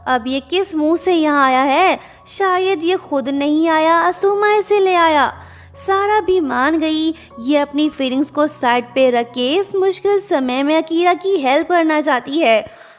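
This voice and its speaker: A woman's voice: sits high, measured pace. A woman narrating a drama recap in a casual, conversational storytelling way, dropping English words into her sentences. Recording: reverberant with background music.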